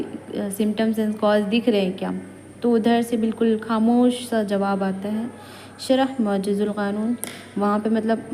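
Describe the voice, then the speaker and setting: A woman's voice: mid-range voice, warm tone. Kashmiri lady teaching a class, chatty and patient, echoey lecture hall w faint hiss. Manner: patient, chatty teacher mixing Hindi and English. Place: college lecture room. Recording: hall reverb, faint background noise.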